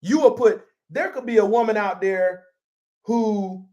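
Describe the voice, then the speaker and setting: A man's voice: sits high, a little slow, darkish tone. A man preaching a sermon in an emphatic, conversational style and repeating himself for force. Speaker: pastor.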